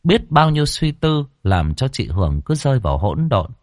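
A man reading a ghost story in a dramatic, expressive way. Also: mid-range voice, moderate pace, dry recording, studio quality. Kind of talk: scripted ghost story narration.

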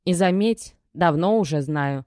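A woman reading an audiobook voices a desperate young mother, her dry, cracked, tear-worn voice trembling as she pleads and reproaches, tearful throughout. Her voice is lowish and darkish at a measured pace, sounding natural, with no room sound.

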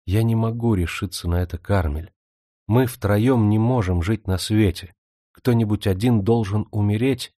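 A young woman torn by jealousy and despair pleads with her younger sister in a low, warm voice, voiced by a male audiobook reader. Her lines come out anguished and urgent. The sound is dry and close. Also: moderate pace, no echo, natural voice. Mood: resigned.

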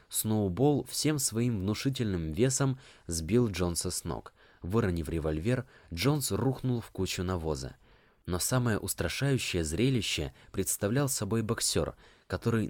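Sex: man. Role: audiobook reader. Style: measured scripted narration. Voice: very deep. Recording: dry and close. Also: a little mellow, no room sound. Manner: measured, storytelling.

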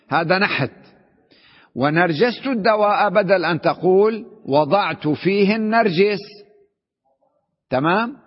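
A man's voice: a little high, husky, big-room sound, dull audio. A man, a sheikh, teaching an Arabic grammar class, explaining patiently and often checking with his students that they follow. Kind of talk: classroom lesson.

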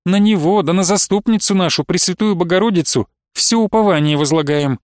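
A man's voice: high-pitched, a little fast, dry recording, clean studio sound, lightly acted. A man voicing a grieving, pious old nun who laments and pleads tearfully. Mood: mournful. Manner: lamenting, sing-song pleading.

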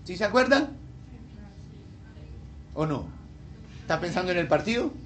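Male pastor, high voice, preaching with questions to the flock and acted-out dialogue. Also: sing-song, a little slow, noisy background. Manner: asks the congregation questions and acts out the people in the story. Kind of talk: sermon.

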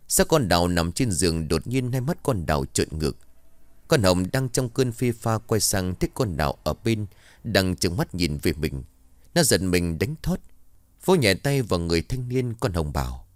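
Một người đàn ông kể truyện ma kinh dị một cách kịch tính, sinh động. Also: male voice, low-pitched, no echo. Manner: dramatic, vivid narration. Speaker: storyteller. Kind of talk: horror story narration.

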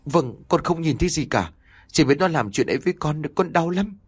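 A frightened young woman in an audio story, put on by a man, her voice raised high and thin. She whimpers and falters, weak and tearful, with a husky edge. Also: lively intonation, brisk, dry recording.

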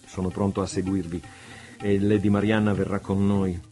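A man's voice: low voice, flat delivery, moderate pace, warm tone, soft background music, lightly acted. A man voicing a passionate, tormented male pirate chief in an audiobook, with fervent, desperate outbursts. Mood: eager.

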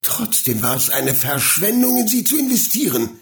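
A man putting on a shrill, spiteful adoptive mother. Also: big pitch swings, normal speed. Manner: shrill, venomous scolding. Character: spiteful, aggressive adult woman, abusive adoptive mother. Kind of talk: audiobook character voice.

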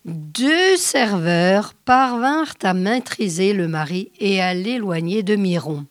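A woman radio host reading a short story aloud in a slow, measured way. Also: mid-range voice, expressive, dry recording, studio quality.

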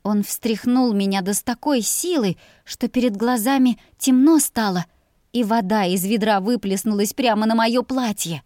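A woman narrating a first-person audiobook story in an expressive storytelling manner. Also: fairly high pitch, normal speed, no room sound, clean studio sound.

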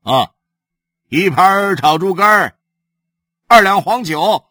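A man's voice: medium pitch, very animated, unhurried, bright, forceful tone, husky, no echo, clean studio sound, heavily acted. A man voicing a humble, easygoing working man in a storybook reading, modest and chuckling. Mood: eager.

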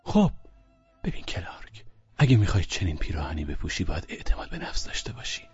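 A man's voice: sits low, very animated, darkish tone, breathy edge, dry recording, highs cut off, soft background music, full character voice. A man voicing a blunt, sardonic young man in an audiobook, with curt, teasing lines. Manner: curt, teasing, matter-of-fact. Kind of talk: audiobook character reading.

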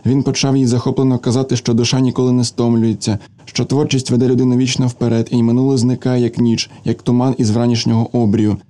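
A man reading a literary story aloud as an audiobook, in steady, measured narration. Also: mid-range voice. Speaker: reader.

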